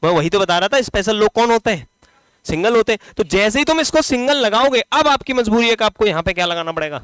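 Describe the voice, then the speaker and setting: A man with a Hindi accent teaching English grammar in a classroom lecture, asking the class questions and answering them himself, drawing out key words slowly as he writes. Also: high voice, animated, a bit bright, clean tone, no room sound. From India. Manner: stretches key words slowly while writing on the board.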